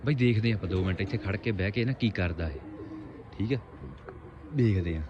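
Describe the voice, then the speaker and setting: With a lowish voice at a moderate pace, a pigeon-keeping vlogger chats like a mate to his viewers on a rooftop at home. The sound is lo-fi, with a crowd audible in the background alongside birds and outdoor ambience.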